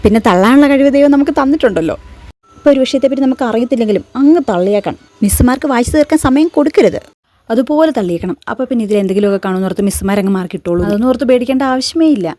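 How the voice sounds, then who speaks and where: A woman playing a loud, cocky lazy student. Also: fairly high pitch, animated, very fast, natural voice. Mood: boastful. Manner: loud, boastful reassuring. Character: cocky lazy student boasting about bluffing exams.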